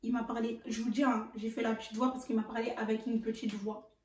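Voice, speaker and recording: A young adult woman telling a storytime vlog, animated and emphatic, speaking straight to her viewers. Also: on the high side, a little fast, a little hiss or hum. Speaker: vlogger. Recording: roomy echo, mic at a distance.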